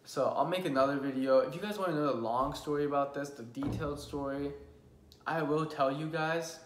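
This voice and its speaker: A man's voice: a little high, steady tone, fairly quick. A young man in his twenties telling a personal story to camera in an earnest, emotional vlog, stumbling and restarting often. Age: 20s. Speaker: vlogger. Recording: roomy with faint background hum.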